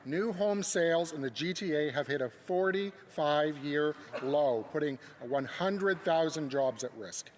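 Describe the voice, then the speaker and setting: A man's voice: a little high, expressive, a little slow, hardly any pauses. A man reading out a question as an opposition member of parliament. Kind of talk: parliamentary question, read speech. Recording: long reverberant hall.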